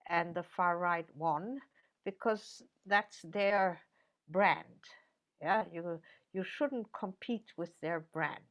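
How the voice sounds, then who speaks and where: An older woman professor answering interview questions in a measured way, with frequent fillers and restarts. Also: fairly low pitch, a bit bright.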